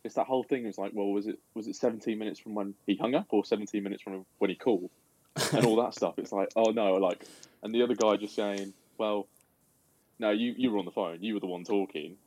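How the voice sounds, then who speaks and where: A man in a casual film discussion, animated and acting out quoted lines. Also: lowish voice, quick pace, no room sound, rough recording. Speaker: podcast guest.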